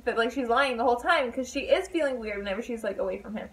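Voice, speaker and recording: A woman's voice: a little high, lively intonation, quick pace, rough recording. A young woman chatting casually as a book vlogger, full of fillers and asides.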